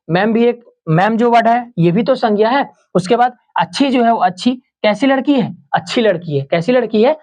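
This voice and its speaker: A man teaching a Hindi grammar lesson for exam preparation, who keeps asking questions and answering them himself, repeating each example and slowing down on key terms. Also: a little mellow. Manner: slows down and drops low on key terms.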